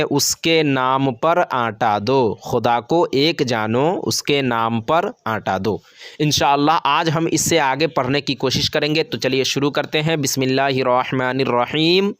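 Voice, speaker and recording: A man teaching how to read Urdu, spelling words letter by letter and then reading each one slowly. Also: mid-range voice, dry recording, studio quality. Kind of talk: slow spelled-out reading lesson.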